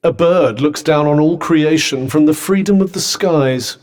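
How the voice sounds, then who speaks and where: A man's voice: a little high, a little slow, darkish tone, lightly acted. A British man voicing a haughty, disembodied magic cuff, a pompous, dry and sarcastic video game companion who speaks eloquently. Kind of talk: scripted video game voice lines.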